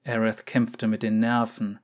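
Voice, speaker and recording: A man narrating a short story as an audiobook, steady and even. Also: fairly low pitch, measured pace. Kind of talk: audiobook reading.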